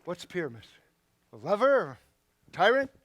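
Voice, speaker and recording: A man's voice: high-pitched, big pitch swings, moderate pace, no echo, full character voice. A man reading the part of a boastful weaver who wants every role, in a casual play read-through. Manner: boastful, theatrical, bursts into shouting. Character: boastful male weaver, eager amateur actor.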